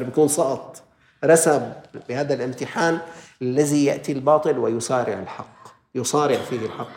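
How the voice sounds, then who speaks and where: A man's voice: medium pitch, vocal fry, darkish tone, reverberant, a little hiss or hum. A man preaching a sermon, moving between formal and colloquial speech and acting out other people's voices. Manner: impassioned, mixes formal and colloquial speech, acts out voices of tempters. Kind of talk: Friday sermon.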